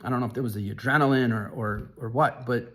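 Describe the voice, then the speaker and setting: A man telling a personal story in an earnest, halting way, often restarting his sentences. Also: medium pitch, steady tone.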